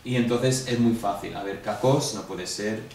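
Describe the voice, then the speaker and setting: A man's voice: fairly low pitch, moderate pace, darkish tone. Man, Spanish accent, classroom teacher, step-by-step explanations, echoey room, distant mic, faint hum. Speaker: Greek teacher. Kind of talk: classroom review lesson.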